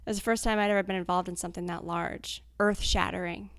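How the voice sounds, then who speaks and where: A woman's voice: fairly low pitch, steady tone, quick pace, no echo, studio quality. A woman in her twenties, an anonymous interviewee, speaking bluntly and confessionally, swearing freely, in fragments of a candid interview. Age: 20s.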